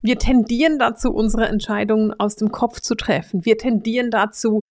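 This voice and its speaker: A woman with a Swiss German accent, hosting a solo podcast and explaining her subject in a lively way, now and then acting out short quoted voices. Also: fairly high pitch, normal speed. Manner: lively, acts out little quoted voices, drops to a whisper for emphasis. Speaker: podcast host and Human Design coach.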